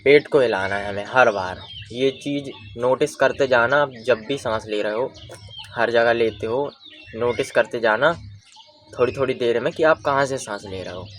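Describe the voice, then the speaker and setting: A young man coaching viewers through breathing and voice exercises in a relaxed, conversational lesson. He explains step by step and keeps checking that listeners follow him. His pitch sits in an ordinary middle range, with faint birdsong in the background. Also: moderate pace, slight background noise. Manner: explains patiently and asks listeners to follow along. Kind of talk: casual spoken tutorial.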